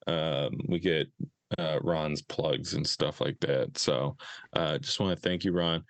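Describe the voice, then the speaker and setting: Male podcast co-host, very low voice, dry close sound, easygoing short remarks. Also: fairly even intonation, slow, no echo. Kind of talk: casual chat.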